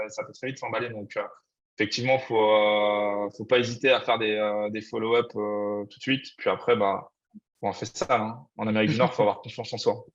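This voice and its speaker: A man's voice: mid-range voice, a bit bright, muffled recording. A man giving advice in a webinar talk, speaking with many fillers and restarts. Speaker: export expert speaker.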